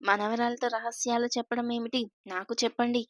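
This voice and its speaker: Mischievous young suitor, always teasing, read by a woman narrator; higher, level delivery, dry sound. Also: level tone, a little fast, no room sound, close to an everyday voice. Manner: mischievous, joking. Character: teasing playful young man, the heroine's suitor.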